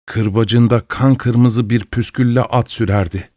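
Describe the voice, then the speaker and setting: A man's voice: medium pitch, steady tone, a little slow, dark tone, no echo, clean studio sound, natural voice. A man voicing a sly, grim old spinster woman who murmurs and cackles, in a storybook reading. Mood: disdainful.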